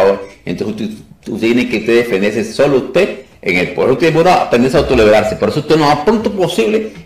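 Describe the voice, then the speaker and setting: Lower-voiced man teaching in an echoey room. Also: darkish tone, recorded from a distance. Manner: repetitive, restarts often, asks "ok?" to check. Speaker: deliverance ministry teacher. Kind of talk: informal teaching talk.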